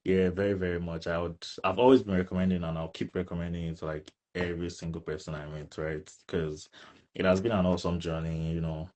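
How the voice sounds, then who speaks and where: A young adult man with a Nigerian accent chats casually as an interview guest, his low, darkish voice level in tone and quick in pace. He repeats words for emphasis and often tacks on "right" and "you know".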